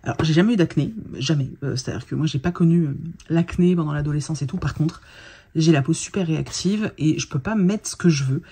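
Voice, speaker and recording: Woman vlogger, tired and chatty, husky low-key voice, casual product chat to camera. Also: brisk, warm tone. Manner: chatty, colloquial, lots of fillers and restarts.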